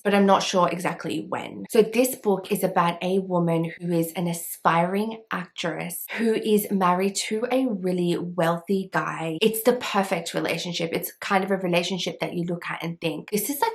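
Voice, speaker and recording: A young woman chatting enthusiastically about books she loves, full of "like" fillers. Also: on the low side. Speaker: book vlogger. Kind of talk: casual book recommendation vlog.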